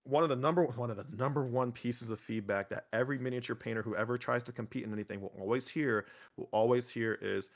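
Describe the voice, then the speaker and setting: A young man talks as a podcast guest in a mid-pitched voice, rambling with lots of fillers, restarts and sudden bursts of energy. The audio sounds a little dull and lo-fi. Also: fast, hardly any pauses. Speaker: podcast guest, miniature painter. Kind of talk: casual conversational interview.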